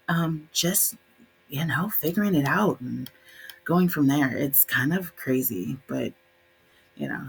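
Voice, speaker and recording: A young adult woman co-hosting a podcast, telling a story in a casual, animated way and doing the voices of her relatives. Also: rumbling low, slight background noise. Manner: animated, voices quoted relatives, laughs often. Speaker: podcast co-host.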